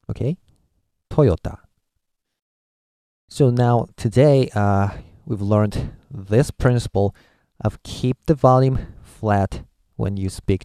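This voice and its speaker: A man with a Japanese accent walks through a language lesson in an easygoing way, pausing often with fillers. His voice sits low with a gravelly edge. The sound is dry and close. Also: no room sound. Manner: relaxed, many fillers, patient explaining. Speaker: language teacher. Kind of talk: casual spoken lesson.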